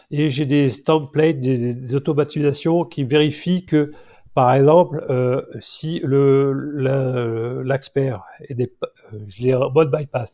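A man in his forties with a nasal, stuffed-up voice from allergy, giving a casual, improvised screen-share tutorial in a hesitant, halting way. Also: mid-range voice, mellow. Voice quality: nasal, congested from a blocked nose. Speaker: vlogger showing his home solar setup.

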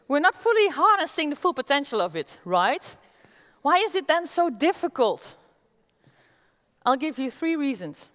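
A Dutch woman in her forties from the Netherlands gives an energetic conference keynote on a large auditorium stage before an audience, speaking through a headset mic. Her voice is a little high, and she gestures as she walks the stage. The recording carries the long reverb of a large hall.

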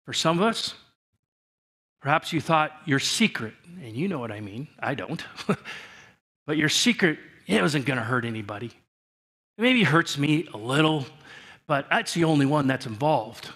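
Earnest, bright-voiced male pastor preaching. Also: on the high side, animated, normal speed, long pauses. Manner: earnest, repetitive direct address with frequent restarts; drops to a soft, quiet voice at the ends of phrases. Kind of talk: sermon. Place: church.

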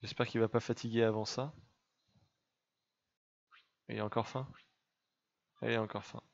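A man's voice: medium pitch, little pitch movement, normal speed, vocal fry, highs cut off. Chatty young man narrating his gameplay. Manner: chatty, teasing his game pet, laughs often. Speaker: let's play gamer. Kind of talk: casual gameplay commentary.

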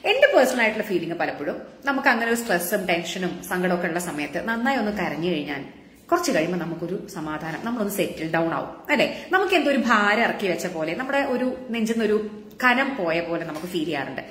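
A woman's voice: fairly low pitch, sing-song, fast, fairly bright tone, roomy sound. A woman doctor giving a casual live-stream health talk, chatting with viewers and asking them rhetorical questions. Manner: conversational, asks the audience rhetorical questions.

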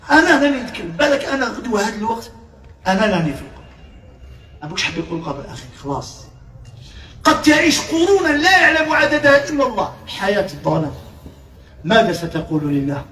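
A man with an Algerian accent preaching to a live crowd, passionate, swinging from shouts down to hushed tones. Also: high-pitched, roomy sound, recorded from a distance, slight background noise. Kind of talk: sermon to a live audience.

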